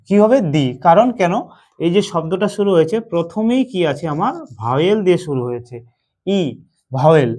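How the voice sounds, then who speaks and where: A man with a Bengali accent explains English pronunciation slowly, step by step. His voice sits a little high, and he keeps asking questions and answering them himself, repeating each point. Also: darkish tone. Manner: slow, repetitive, asks and answers his own questions. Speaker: English teacher. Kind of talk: slow spoken lesson.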